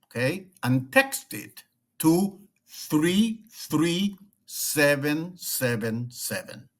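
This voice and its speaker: This guest, a middle-aged leadership consultant from Argentina with an Argentine Spanish accent, talks in a conversational interview in a somewhat high, sing-song voice at an extremely slow pace. He often restarts and repeats words.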